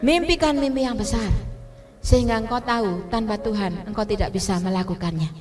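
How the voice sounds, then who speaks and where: A woman's voice: a little high, brisk, darkish tone, soft background music. A woman from Indonesia preaching a testimony sermon in church, switching between Indonesian and English and translating herself, often asking her listeners if they understand. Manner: addresses listeners directly, checks they understand.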